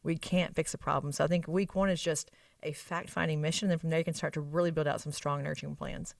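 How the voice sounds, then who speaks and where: Fast-talking woman with an Arkansas accent. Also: deep voice, fairly even intonation, gravelly, dry recording, clean studio sound, distant mic. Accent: Arkansas Southern US. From Arkansas, United States. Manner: emphatic and explanatory, with frequent tag questions. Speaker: guest expert on medical spa practice operations. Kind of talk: conversational expert interview answer.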